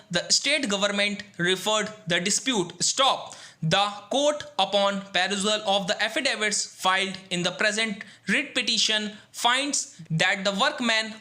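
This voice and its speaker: A man with an Indian accent is dictating formal text at a slow, measured rate. His voice is high and very bright, with a forceful edge. He reads phrase by phrase, as for shorthand practice, speaking punctuation aloud.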